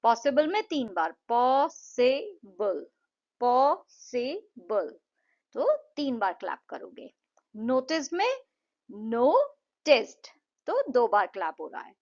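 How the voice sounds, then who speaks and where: Woman tutor, slightly high voice, patient and slow on key words, dull lo-fi recording. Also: huge pitch swings. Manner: patient, repeats words slowly to show syllables. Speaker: English tutor. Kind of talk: Hindi-English explanation of a textbook lesson.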